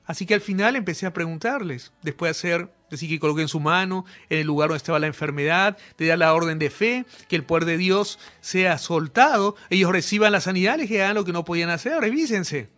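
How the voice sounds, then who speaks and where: A man's voice: sits high, a little fast, hardly any pauses, fairly bright tone. A man preaching a healing sermon, speaking straight to viewers and giving fervent, commanding proclamations. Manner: direct address to viewers. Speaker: healing evangelist.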